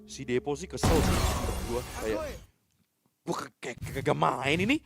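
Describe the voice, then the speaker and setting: An Indonesian man commentating excitedly on a live esports match in colloquial speech, often repeating words and names. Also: medium pitch, normal speed, creaky, over loud music. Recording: game gunfire and noise behind.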